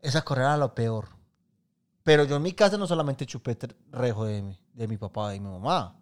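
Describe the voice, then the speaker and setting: A man's voice: medium pitch, fairly quick. Slangy Paisa man telling stories. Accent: Colombian Paisa. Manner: animated, slangy storyteller who swears freely. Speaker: podcast co-host. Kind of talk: casual chat.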